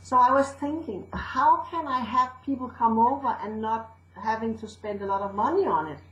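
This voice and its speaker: A Danish storyteller and educator speaks in a casual interview with a Danish accent, using fillers and restarts. Her voice is a little high and fairly bright at a normal speed, and the recording sounds reverberant and lo-fi.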